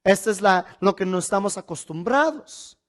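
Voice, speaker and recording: A male preacher teaches from the Bible in a sermon style. Each point is phrased deliberately and emphatically, leaning on repetition and on questions to his listeners, delivered in a high voice with lively intonation.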